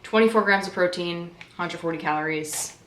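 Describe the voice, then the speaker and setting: Bright-voiced woman, a bit breathless. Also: on the low side, normal speed. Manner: chatty, explaining food items one by one. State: a little out of breath. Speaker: vlogger. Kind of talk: casual chat. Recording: echoey room, faint noise.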